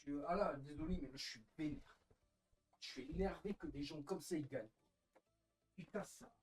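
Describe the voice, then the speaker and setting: A young man rants on his live stream, bitter and worn out, cursing and circling back to the same complaints. His voice sits slightly high for a man, jumping between loud bursts and low grumbling. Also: a little fast, husky, faint music behind. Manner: bitter, frustrated, swings between loud outbursts and low muttering; curses often, repeats himself. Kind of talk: casual live-stream rant.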